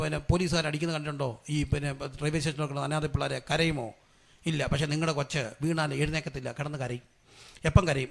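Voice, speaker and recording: A middle-aged man preaching with a raised pitch and a gravelly edge. His words come quickly and tumble over each other. He keeps asking the congregation questions and waits for their replies, then pushes into loud, fervent prayer. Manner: fires rhetorical questions at the congregation and has them answer. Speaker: pastor. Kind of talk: sermon.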